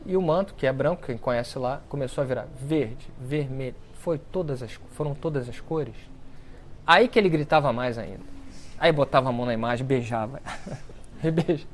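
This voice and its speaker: A man giving a storytelling talk to an audience, acting out the quoted speech with lively shifts in his voice. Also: mid-range voice, normal speed, slight background noise. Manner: animated storyteller who acts out quoted speech. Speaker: speaker at a book launch talk. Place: lecture event before an audience.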